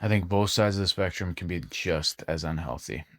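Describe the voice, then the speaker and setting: A man co-hosting a health podcast, explaining his views at length in a measured, casual way. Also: sits low, fairly even intonation, no echo, studio quality. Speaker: podcast co-host.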